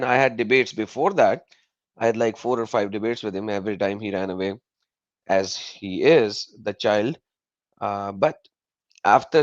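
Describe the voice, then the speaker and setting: Hosting a casual live call-in stream, a Pakistani man whose first language is Urdu explains with lots of energy, his pitch leaping up as he lands each point. The recording is dry, with the highs cut off.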